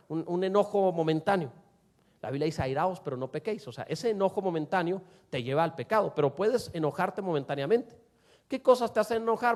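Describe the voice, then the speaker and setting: High-voiced preacher, man. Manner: rhetorical questions to the congregation, wide swings in loudness. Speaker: pastor. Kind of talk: sermon.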